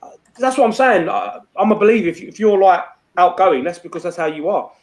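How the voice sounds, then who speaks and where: A man's voice: high voice, lively intonation, fast talker. Sweary, rambling man hosting. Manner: sweary, rambling, laughs often. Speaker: livestream host. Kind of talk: casual swap-shop livestream chat.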